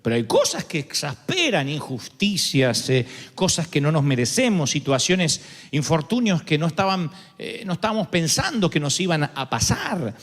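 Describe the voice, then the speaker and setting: A male pastor with a Rioplatense accent preaches with ironic humor and lively storytelling. His voice sits high for a man and leaps up and down through each phrase. A long reverb from a large church auditorium follows his words. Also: normal speed. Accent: Rioplatense Spanish. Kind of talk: sermon.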